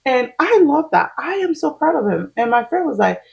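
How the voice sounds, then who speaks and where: A woman's voice: high-pitched, big pitch swings, moderate pace, creaky, darkish tone, rough recording. A woman, chatting casually at home while doing her makeup, laughing often as she explains each step. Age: 30s. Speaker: vlogger.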